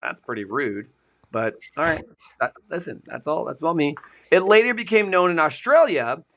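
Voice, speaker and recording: A man's voice: fairly high pitch, lively intonation, moderate pace, a bit bright, a little hiss or hum. A man co-hosting a casual live-stream, chatting and joking as he reads idiom history from his sources. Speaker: co-host of a produce industry show.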